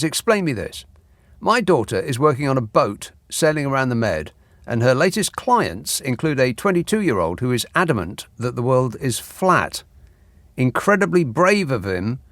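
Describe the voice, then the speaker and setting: Speaking at a medium pitch, this man hosts a late-night call-in radio show and reads texts sent by listeners. Deadpan and dry, he delivers sarcastic side comments right up against a bone-dry studio microphone, and there's no echo.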